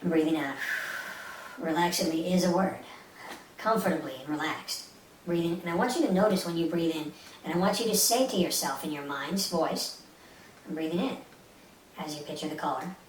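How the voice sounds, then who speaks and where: With a low-pitched, brisk voice, a woman leads a guided meditation in calming, instructive short phrases that she repeats. The mic is distant and the room roomy, with a faint hiss.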